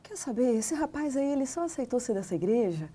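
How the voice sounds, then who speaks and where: A woman's voice: a little high, very animated, fairly quick, dark tone, slightly rough. A woman hosting an interview, who reacts with short interjections and asks probing questions. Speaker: interview host. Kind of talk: conversational interview.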